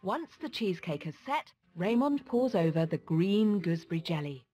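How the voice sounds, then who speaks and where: A woman's voice: lowish voice, sing-song, moderate pace, dark tone, breathy edge. A woman with a British accent reading scripted cookery narration as a presenter. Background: music.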